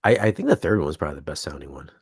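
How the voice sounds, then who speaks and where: A laid-back co-host chats casually and teases his partner. His voice sits very low. The sound is close and dry. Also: huge pitch swings, very fast, creaky, breathy edge, dry recording. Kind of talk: casual live-stream chat.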